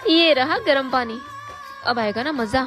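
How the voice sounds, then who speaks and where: A jealous young sister-in-law, acted by a woman in a melodramatic home skit. She mutters her plots slyly and whines to get her way, in a high voice. Faint music plays behind. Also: a little slow. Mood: scheming. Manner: sly, whiny, plotting. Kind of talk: melodramatic short-video acting.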